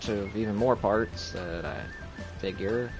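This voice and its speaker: Speaking slowly in a rather low voice, a man mutters and chats to himself while casually commentating on a game he's streaming live. The audio quality is poor, with video game music in the background.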